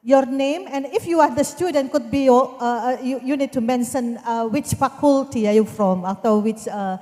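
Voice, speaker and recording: A woman's voice: high-pitched, normal speed, dark tone. A woman with an Indonesian accent moderating conference questions, hesitant and repeating her instructions. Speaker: session moderator. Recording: echoey hall with long reverb.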